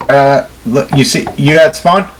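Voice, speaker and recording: A man's voice: medium pitch, unhurried, slight background noise, poor audio. A man bantering casually with friends while playing a game. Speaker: player in a group gaming video.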